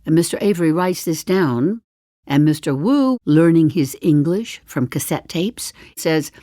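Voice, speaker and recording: In a theatrical monologue, an older actress voices a chatty, wry woman of seventy-five, dryly amused as she tells the listener a darkly comic story. She pauses deliberately for effect and drops into confidential asides, her voice on the low side with a darkish tone, recorded at studio quality with no echo.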